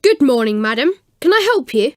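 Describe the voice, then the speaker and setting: A woman playing a polite, helpful shop assistant in a scripted language-lesson dialogue, with careful, clear enunciation. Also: sits high, big pitch swings, brisk, no echo, studio quality.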